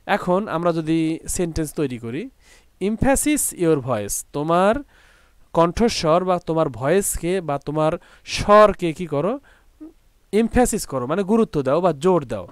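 Patient man teaching vocabulary, crisp and dry. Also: on the high side, lively intonation, no room sound. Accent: Bangladeshi. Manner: patient, repeats each word several ways and slowly reads out example sentences. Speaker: English teacher. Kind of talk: classroom lesson explaining vocabulary.

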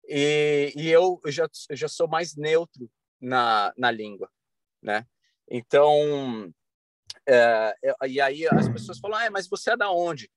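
Man in his thirties from Brazil, podcast guest on webcam, earnest and advising, dry close sound, slightly high voice. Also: slow, dry recording. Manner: earnest, advising, many restarts and fillers. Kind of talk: casual interview talk. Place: bright room at home. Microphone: video call webcam.

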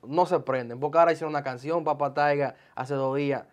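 A young man, hosting a casual interview in a small studio, friendly and animated when he makes a point. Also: a little high, quick pace. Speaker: podcast host. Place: small indoor studio with sofa chairs.

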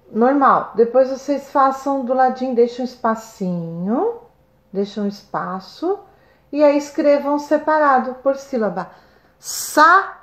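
A Brazilian woman with a slightly high voice records a lesson for first-grade pupils. She talks slowly and kindly, stretching syllables out and checking in with the children often. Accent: Brazilian Portuguese. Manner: slow, sing-song, stretches syllables for children.

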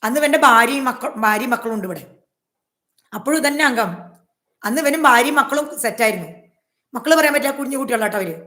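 Speaking rapidly in a slightly high voice, a YouTuber delivers a personal vlog monologue to her viewers, expressive, bright and forceful. She is emphatic and aggrieved, returning again and again to her points while the room echoes around her.

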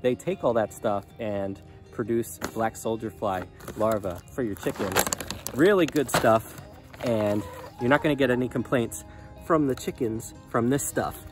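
A man in his thirties talking casually to a handheld phone outdoors in his chicken run, relaxed and rambling with many ums. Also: mid-range voice, unhurried, music in the background. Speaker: small farm vlogger. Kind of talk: casual vlog talk to camera. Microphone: phone at arm's length.

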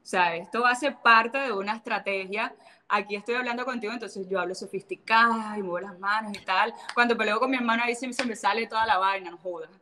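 A woman's voice: medium pitch, sharp tone, a little hiss or hum. A woman from Cartagena with a Colombian Caribbean coast accent, talking bluntly and with sass as an interview guest. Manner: sassy, blunt, quick to mimic others. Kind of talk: casual interview chat.

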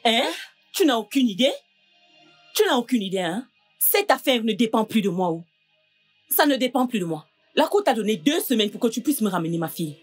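A distraught mother in a dubbed film, begging and accusing by turns. Her voice is husky and fairly high, swinging widely in pitch. Faint music plays behind. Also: big pitch swings, brisk. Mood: pleading. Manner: pleading, tearful and accusing. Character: distraught mother of a missing daughter. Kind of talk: French film dub.

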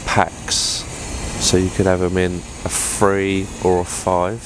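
A fishing vlogger chats casually to camera from inside a tent, wearing a clip-on lapel mic. His low voice is monotone and slow, he rambles with fillers and restarts, and some background noise comes through.

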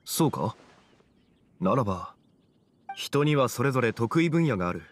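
Playing a poised young gentleman from an anime game, a man speaks with calm courtesy in a natural, medium-pitched voice that has a sing-song lilt. His formal, antiquated wording suggests wisdom beyond his appearance, and a slight background noise can be heard.

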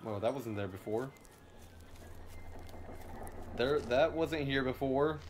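A man doing gameplay commentary, excitable and jokey, talking back at the game. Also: medium pitch, slow, a little hiss or hum. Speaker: let's play host.

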